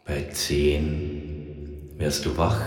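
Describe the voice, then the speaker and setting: A man leading a guided meditation in a solemn, deliberate way, with long pauses between short phrases. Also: rumbling low, level tone. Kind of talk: guided meditation, hypnotic trance narration. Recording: very echoey, long hall-like reverb.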